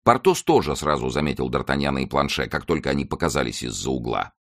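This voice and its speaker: A man narrating an audiobook in an expressive, measured reading. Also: very deep voice, no room sound, studio quality. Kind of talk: scripted narration.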